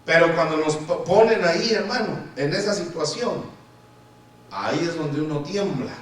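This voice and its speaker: A man's voice: on the high side, expressive, moderate pace. A man preaching a sermon who keeps calling out to his listeners as brothers and acts out the complaints of churchgoers. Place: church hall. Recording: echoey church hall from far off.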